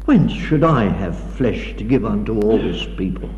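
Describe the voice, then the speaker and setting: A man's voice: lowish voice, expressive, moderate pace, darkish tone, dull audio, slight background noise. A man delivering an evening address in a hall, reading scripture aloud in a dramatic, declaiming way, heard on an old 1960s tape recording. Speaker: preacher. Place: lecture hall.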